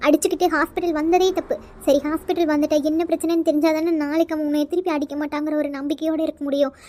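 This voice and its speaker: Brief: a woman doing a tearful cartoon mom, very high and flat, rattling on fast as she scolds her son. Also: slight background noise, lightly acted. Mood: tearful worry. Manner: pleading, scolding, fast-talking. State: crying. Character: worried tearful mother of a college boy. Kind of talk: cartoon voice acting.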